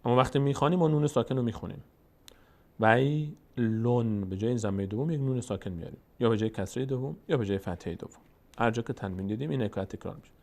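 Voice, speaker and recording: A man teaching Quran reading step by step. He is patient and repetitive, answers his own questions, and slowly stretches out sounds when demonstrating them. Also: medium pitch, expressive, gravelly, darkish tone. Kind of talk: step-by-step recitation lesson.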